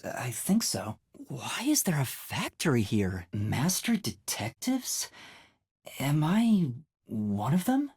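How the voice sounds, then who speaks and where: A woman voices a timid, bewildered boy who's a trainee detective in a video game, using a light, youthful, slightly breathy voice that sits low with a darkish tone. The heavily acted delivery is hesitant and earnest, sounding puzzled and pondering.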